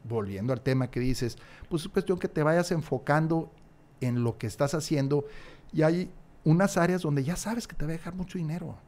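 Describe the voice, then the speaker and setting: A slightly mellow, fairly high male voice at normal speed belongs to a podcast guest who talks at length. During the casual interview he performs little dialogues and repeats key phrases for emphasis. He's miked with a large studio mic on a stand in a small room and uses headphones.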